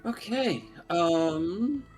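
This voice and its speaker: A man running a tabletop game as game master, questioning the players in a relaxed way. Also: sits high, extremely slow, faint music behind. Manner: lively, asks players questions.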